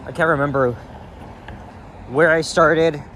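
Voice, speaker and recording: A young man vlogs while walking on a city sidewalk with a handheld camera, rambling casually. His fairly high, fairly bright voice is unhurried with fairly even intonation. Street traffic noise, cars and city ambience fill the background.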